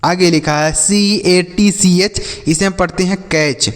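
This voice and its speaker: A man teaching English vocabulary to children, spelling each word slowly and repeating it, asking and answering his own questions. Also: sits high, steady tone. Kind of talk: spoken vocabulary lesson for children. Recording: long hall reverb.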